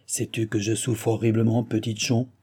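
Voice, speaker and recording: A man's voice: on the low side, level tone, moderate pace, warm tone, slightly rough. A man voicing a hot-tempered wounded nobleman who curses and blusters. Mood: angry. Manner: blustering, cursing.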